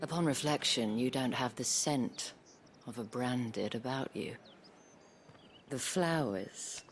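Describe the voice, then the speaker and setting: Seductive madam: low, slow, breathy, teasing, calculating; video game drama. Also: female voice, faint music behind. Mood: teasing, haughty. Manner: slow, deliberate, breathy delivery dropping to near whisper. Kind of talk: scripted video game acting.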